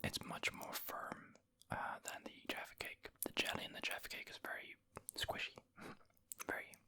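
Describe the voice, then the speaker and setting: A person whispering an ASMR food review in a breathy, unvoiced voice, savoring and unhurried, close to the microphone. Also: bright, forceful tone. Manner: savoring, unhurried, with eating and mouth sounds. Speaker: ASMR video creator and host.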